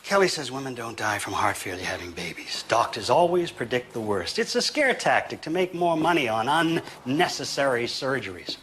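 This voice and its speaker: A man's voice: mid-range voice, big pitch swings, a little fast, hardly any pauses, a bit bright, slight background noise. An actor playing a stern, old-fashioned older father in a film drama.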